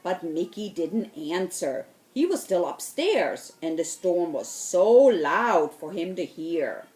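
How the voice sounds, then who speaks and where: A woman reading a children's storybook aloud in a slow, expressive way. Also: on the low side, reverberant. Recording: voice distant from the mic.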